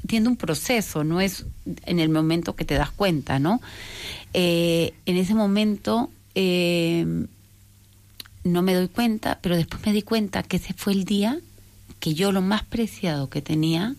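A woman with a notably low voice tells a personal story of faith as an interview guest. She speaks earnestly and searchingly, circling back and correcting herself as she goes. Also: darkish tone.

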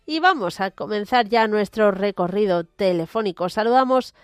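A woman's voice: mid-range voice, lively intonation, normal speed, no echo, studio quality. A woman with an accent from Spain hosting a live radio phone-in, her voice nasal and duck-like, stuffed up with a cold. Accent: Spanish from Spain. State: congested with a cold. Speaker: radio host.

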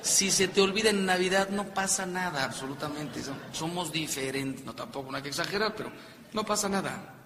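A man's voice: fairly high pitch, fairly quick, crowd noise. A Mexican man giving a humorous talk to couples about love and talking things over, acting out what husbands and wives say to each other. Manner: joking, acts out spouses' lines. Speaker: speaker on marriage. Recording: echoey hall with faint noise.

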